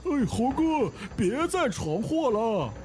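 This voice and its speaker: Excitable storybook disciple, a man putting it on; high, very lively, slow. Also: full character voice. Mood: urgent. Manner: animated, pleading and worried. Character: pilgrim disciples of a monk, pig and monkey, excitable.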